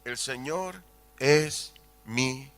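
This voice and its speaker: A man's voice: mid-range voice, drawn-out words, fairly bright tone. A man in his sixties, a pastor preaching a sermon with emphasis, repeating key phrases and asking the congregation rhetorical questions.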